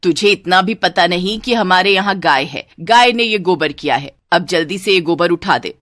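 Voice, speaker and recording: A woman plays a bossy, scolding mother-in-law in an animated storybook, pitched lower and heavier than the storyteller's own voice. The recording is close and dry. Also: normal speed, no echo. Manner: scolding, domineering. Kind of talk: Hindi storybook voice acting.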